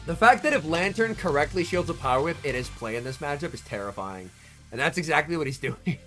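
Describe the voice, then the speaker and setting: A young man, a bit under the weather, giving chatty, excitable live-stream commentary at a tournament watch party and answering his chat by name. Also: on the high side, a little fast, soft background music.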